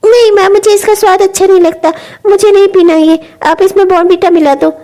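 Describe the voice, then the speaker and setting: A woman's voice: very high-pitched, steady tone, a little fast, mellow. A woman voicing a fussy little boy in a cartoon, whining and pleading. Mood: whiny. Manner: whiny, pleading. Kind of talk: cartoon dubbing.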